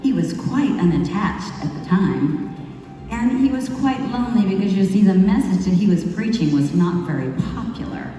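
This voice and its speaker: A woman performing a first-person monologue as a wayward young biblical wife who has become remorseful, telling her story slowly and reflectively with dramatic pauses. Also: mid-range voice, animated, dark tone, natural voice. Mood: regretful. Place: large hall at a retreat. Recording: echoey hall from far off, faint music.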